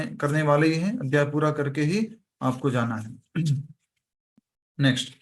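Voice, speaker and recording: A man teaching an online scripture class over a video call, telling a story and acting out the characters' lines. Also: a little high.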